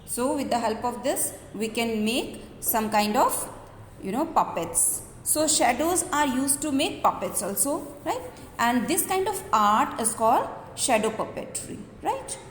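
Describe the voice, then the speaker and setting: A woman's voice: on the high side, lively intonation, measured pace. A woman giving an earnest school lecture, explaining step by step and checking in with students through questioning tags. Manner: earnest, explanatory, often ending phrases with a questioning "right?". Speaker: school teacher. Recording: echoey reverberant room with background noise.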